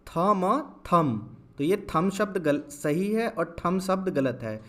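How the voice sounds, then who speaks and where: Young male Hindi teacher, fairly high voice. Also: lively intonation. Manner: asks questions and answers them himself, drawn-out syllable-by-syllable spelling. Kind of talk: classroom-style lesson.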